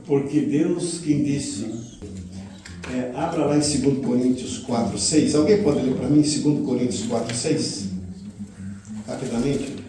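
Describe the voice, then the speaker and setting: A man preaching a sermon as a pastor, telling a story with acted-out dialogue and dropping to a hush at the key lines. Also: mid-range voice, a little slow. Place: church retreat hall. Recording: echoey hall, mic at a distance, faint noise.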